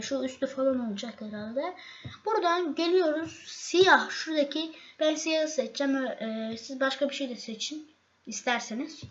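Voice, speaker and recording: Woman, high-pitched, casual screen tutorial, hesitant and filler-heavy, dull home mic with faint noise. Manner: halting, many fillers and restarts, addresses viewers as friends. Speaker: tutorial host.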